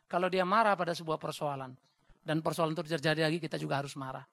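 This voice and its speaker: Batak pastor guy preaching, high gravelly voice, blunt and jokey, dry close sound. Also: quick pace, no room sound. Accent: Batak Indonesian. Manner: blunt, joking, animated preacher. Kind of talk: sermon.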